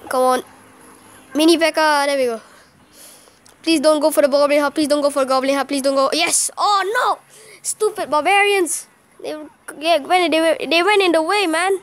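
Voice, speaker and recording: Excitable high-voiced woman commentating gameplay. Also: normal speed. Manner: excitable, exclaiming and groaning at each play. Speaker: gaming channel host.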